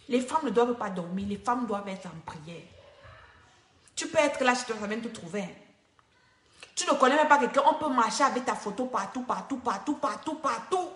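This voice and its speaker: A woman's voice: fairly high pitch, fairly bright tone. A woman preaching and counseling on a radio show, emphatic and scolding, repeating phrases for force. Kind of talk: preaching exhortation. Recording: echoey room.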